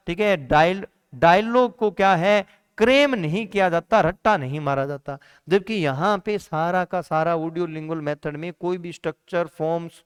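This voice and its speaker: Man, teacher, exam-prep lecture, high voice, clear resonant tone, repeats and rephrases each point. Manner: explains by asking and answering his own questions, repeats points; calls students "beta" in a warm teacher's tone.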